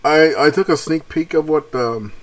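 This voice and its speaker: A man's voice: a little high, moderate pace. A young man hosting a casual gaming news channel, reading parts of an article aloud and rambling between lines with laughs and restarts.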